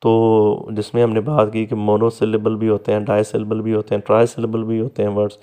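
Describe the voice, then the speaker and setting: A man teaching a recorded lecture, patiently explaining step by step, repeating example words slowly and fondly addressing his students as "beta". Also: fairly low pitch, monotone, warm tone, clean tone.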